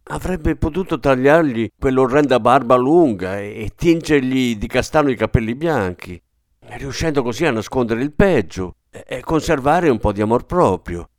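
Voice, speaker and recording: A man reading a literary story aloud as an audiobook narrator, in an expressive, measured storytelling manner. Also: medium pitch, dry recording, clean studio sound. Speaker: audiobook reader.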